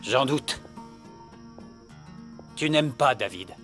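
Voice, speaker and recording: A man's voice: mid-range voice, expressive, extremely slow, fairly bright tone, faint music behind. A man in a dubbed telenovela, speaking in an earnest, reproachful way. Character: grave middle-aged man, reproachful husband.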